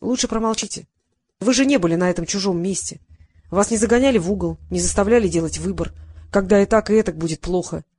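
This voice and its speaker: A woman's voice: mid-range voice, quick pace, darkish tone, breathy edge, dry recording. Woman narrating an ironic detective audiobook.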